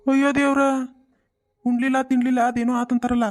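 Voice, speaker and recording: Someone putting on a whiny old mother-in-law, lowered voice, defensive, cartoon. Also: flat delivery, quick pace, close to an everyday voice. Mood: complaining. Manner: complaining, defensive.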